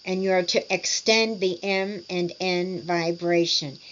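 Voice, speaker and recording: A woman teaching speech and swallowing exercises, over-articulating practice words and clearing her throat often. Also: fairly low pitch, steady tone, fairly bright tone, dull audio, a little hiss or hum. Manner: deliberate, over-articulated word drills with frequent throat clearing. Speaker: speech therapy instructor. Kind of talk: slow instructional walkthrough.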